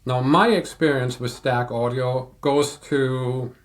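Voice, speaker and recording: An older man in a casual podcast chat, explaining audio equipment in a measured, technical way. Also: medium pitch, fairly even intonation. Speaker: audio reviewer guest.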